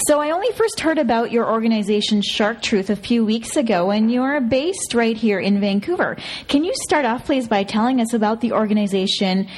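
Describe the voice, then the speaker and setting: A woman's voice: on the high side, expressive, a little fast, few pauses, darkish tone, a little hiss or hum. Woman hosting a community radio interview. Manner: scripted intro, then friendly questions. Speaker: radio show host.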